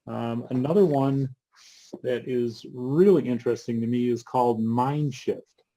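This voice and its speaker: Flat, mellow-voiced man co-hosting. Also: mid-range voice, rough recording. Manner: halting, many ums and uhs, dry asides. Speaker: co-host. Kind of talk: casual chat about books.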